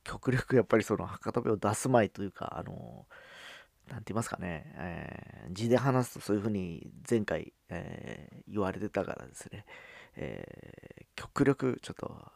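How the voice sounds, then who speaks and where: Guy from fukuoka w a hakata accent, gravelly lowish voice, chatty solo talk full of ums, dry close sound. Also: very animated, a little mellow, no echo. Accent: Hakata dialect. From Fukuoka, Japan. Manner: halting, with frequent "um" fillers and drawn-out phrase endings. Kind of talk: casual spoken monologue.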